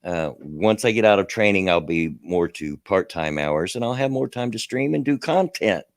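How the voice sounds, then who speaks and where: A middle-aged livestream host with a Kentucky and Tennessee redneck accent rambles casually, laughing at himself. His voice is low and animated at a moderate pace. The sound is clean studio audio with no echo.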